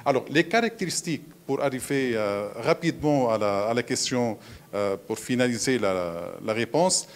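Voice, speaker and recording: A man's voice: medium pitch, lively intonation, normal speed. Hesitant man explaining music. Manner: explanatory, frequent hesitations and "alors". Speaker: musicologist on a panel. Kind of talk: round-table lecture talk.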